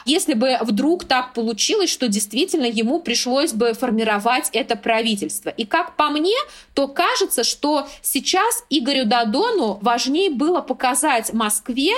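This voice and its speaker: Woman political commentator, high bright register, steady explanatory delivery. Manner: measured, opinionated, explanatory. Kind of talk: analytical political talk.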